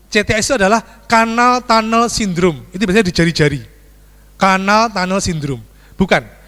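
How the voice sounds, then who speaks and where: The man's voice is high, clear and resonant, at a normal speed. As a pastor in an echoing church sanctuary, he tells a sermon story with animated, acted-out screams and dialogue, speaking to the congregation as "saudaraku".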